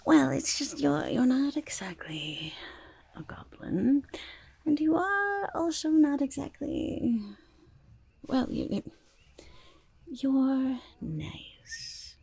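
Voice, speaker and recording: A woman voicing a shifty, boastful goblin merchant in a breathy, raspy whisper for an ASMR roleplay, with stammering sales patter. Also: sits high, sing-song, drawn-out words, long pauses, darkish tone, heavily acted. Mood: flustered, nervous. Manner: speaks of self in third person, stammering sales patter. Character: shifty, flustered, boastful goblin market vendor.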